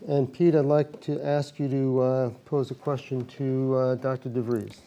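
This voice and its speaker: A man's voice: medium pitch, flat delivery, moderate pace, mellow, muffled recording. A man chairing a panel discussion, handing over politely and briefly. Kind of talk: moderating a panel.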